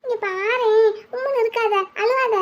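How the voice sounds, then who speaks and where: A woman's voice: very high-pitched, fairly even intonation, moderate pace, highs cut off. A woman voicing a small, cheeky and affectionate girl in a cartoon. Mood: pleading. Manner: chirpy, teasing, pleading.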